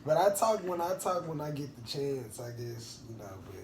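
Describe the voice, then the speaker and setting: A man's voice: on the high side, lively intonation, normal speed, crowd noise. A tired young man chatting loosely as co-host at home. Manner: laid-back, sleepy, loose talk. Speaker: boyfriend and co-host. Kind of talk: casual chat. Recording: noisy roomy sound, off mic.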